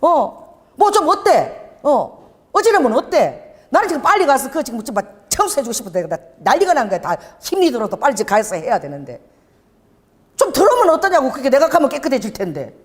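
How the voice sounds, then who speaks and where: Animated woman preaching in a reverberant hall. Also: high voice, a little fast, husky. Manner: animated preaching, rhetorical questions, acts out scenes. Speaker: pastor. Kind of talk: Pentecostal sermon with healing testimony. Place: church sanctuary.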